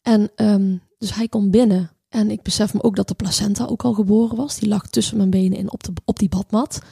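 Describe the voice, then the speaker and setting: Husky, gravelly woman recounting a home birth. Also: medium pitch, steady tone, warm tone, no room sound, clean studio sound. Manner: halting, reflective, many restarts and fillers. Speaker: interviewee telling her birth story. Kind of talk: personal storytelling.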